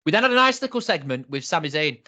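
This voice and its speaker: A man's voice: on the high side, very animated, quick pace, pushed and bright. A man co-hosting a casual wrestling review chat, talking in a chatty, laughing way. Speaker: podcast co-host.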